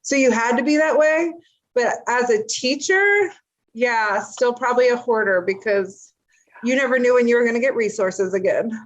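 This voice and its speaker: A woman's voice: fairly high pitch, lively intonation, normal speed, lo-fi sound. A woman guest on a podcast, a teacher, chatting in a self-mocking way. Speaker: guest, math educator. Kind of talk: casual podcast interview.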